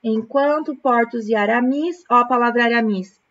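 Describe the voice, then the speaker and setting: A woman from Brazil, a primary school teacher, correcting exercises in a remote lesson, explaining words slowly, syllable by syllable. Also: fairly high pitch, fairly bright tone, dull audio. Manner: slow, patient, syllable-by-syllable explanation.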